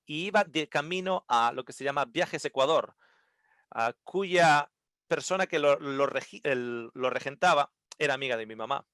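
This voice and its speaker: A man telling a personal story at a seminar in an animated way, acting out the voices and often restarting his words. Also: medium pitch, normal speed, dry recording, studio quality. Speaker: seminar speaker.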